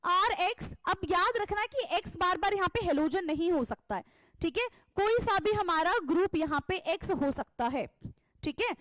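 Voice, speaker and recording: Young woman teacher going thru chem problems step by step, real high voice, slow. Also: animated, fairly bright tone, no echo, rough recording. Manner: slow, explains step by step, asks and answers her own questions. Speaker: chemistry teacher. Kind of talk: classroom lecture in Hinglish.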